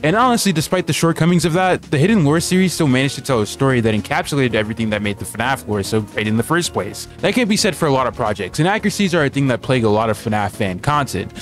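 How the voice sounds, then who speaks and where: Fast, animated man doing sardonic commentary. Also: mid-range voice. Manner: slangy, sardonic, joking. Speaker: video essay host. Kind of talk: casual comedic commentary.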